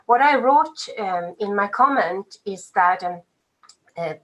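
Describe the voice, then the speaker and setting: A woman's voice: mid-range voice, animated, takes it slowly, poor audio. A woman from Sweden, speaking hesitantly on a video call with frequent fillers. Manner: hesitant, with fillers and nervous laughs. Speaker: participant.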